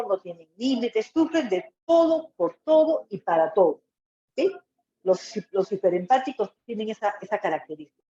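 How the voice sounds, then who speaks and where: A woman's voice: medium pitch, mellow. Peruvian woman lecturing, echoey lo-fi. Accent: Peruvian Spanish. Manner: frequent tag questions, acts out quoted voices. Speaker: psychologist giving a hospital talk. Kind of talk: lecture on empathy. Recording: echoey room, dull lo-fi sound.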